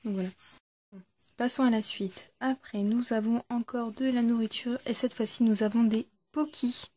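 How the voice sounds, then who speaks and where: Mellow-voiced woman doing a casual unboxing. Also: a little high, fairly even intonation, normal speed. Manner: hesitant, with frequent fillers and self-corrections. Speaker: YouTuber reviewing a subscription box.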